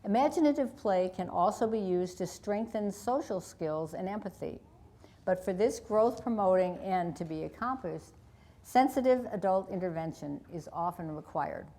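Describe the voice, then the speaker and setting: A woman author reading aloud from her parenting book in a measured, calm way. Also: mid-range voice.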